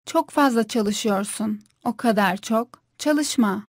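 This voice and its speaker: A woman's voice: a little high, takes it slowly, no room sound, studio quality. A woman carefully repeating short phrases for a language course. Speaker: Turkish phrase reader. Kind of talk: scripted phrasebook reading.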